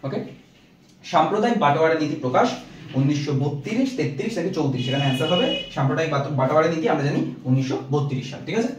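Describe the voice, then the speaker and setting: A man teaching a rapid exam-revision lesson, reading options and then giving each answer. His voice sits a little high and moves at a brisk clip. It is heard from a distance in a strongly echoing room. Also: expressive, noisy background. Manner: reads options, then gives answers with fillers; mixes English words into speech. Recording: very echoey, from far off.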